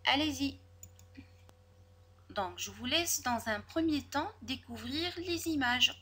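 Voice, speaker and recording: A woman teaching a spelling lesson to children, sounding out each word slowly and clearly, syllable by syllable. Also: high-pitched, expressive, pushed and bright, slight background noise. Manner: slow, over-articulated, syllable by syllable.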